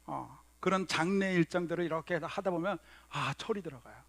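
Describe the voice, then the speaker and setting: Male pastor, middle-aged, high-pitched, storytelling sermon delivery. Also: fairly quick, gravelly, no echo. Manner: storytelling, acts out quoted lines in lowered voice. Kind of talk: Sunday sermon.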